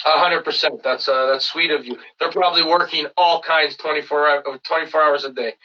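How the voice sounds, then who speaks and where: A man's voice: a little high, steady tone, brisk, recorded from a distance, highs cut off. A man from Canada hosting a casual remote podcast interview, friendly and rambling with lots of fillers. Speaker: podcast host.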